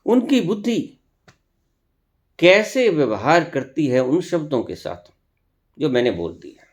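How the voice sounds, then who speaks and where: A man speaks as a spiritual teacher in an unhurried discourse, leaving long pauses between phrases. His pitch sits in the middle of the male range but swings widely. He often turns on his listeners with pointed rhetorical questions. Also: gravelly, darkish tone.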